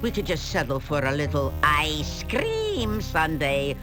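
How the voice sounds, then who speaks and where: A woman's voice: sits low, wildly swooping pitch, measured pace, heavily acted. A woman voicing a gleeful, menacing old witch who taunts in a sing-song, cackling way. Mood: taunting. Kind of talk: game voice acting. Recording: game audio with faint music.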